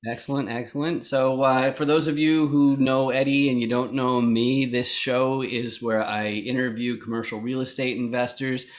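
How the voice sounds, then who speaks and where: A man hosts a casual interview over a video call. He explains at length and in a loose way, with plenty of "uh"s and "you know"s. His voice sits at an ordinary middle pitch. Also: level tone, normal speed, few pauses. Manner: chatty, explains at length with many fillers. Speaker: podcast host interviewing investors.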